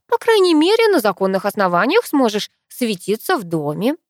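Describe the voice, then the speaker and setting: Female reader plays a sassy, mocking kid sister, lively and high, storybook audio. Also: normal speed, no echo, clean studio sound. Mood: teasing. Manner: sassy, teasing. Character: cheeky teenage girl, the narrator's younger sister.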